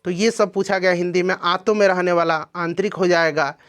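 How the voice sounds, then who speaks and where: A man with a fairly high voice walks students through exam questions one at a time. He explains each answer patiently and keeps checking in with his listeners. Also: fairly even intonation, a little fast, a bit bright. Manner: explanatory, repeats "ठीक है ना" to check in. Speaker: exam coaching teacher.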